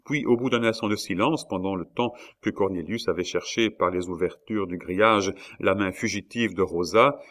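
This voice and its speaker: A man narrates a classic novel as an audiobook. His voice sits low, and his reading is measured and expressive.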